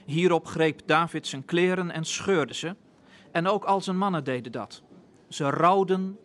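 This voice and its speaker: A man reading scripture aloud as a narrator, slow, solemn and measured. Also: on the high side, a bit bright.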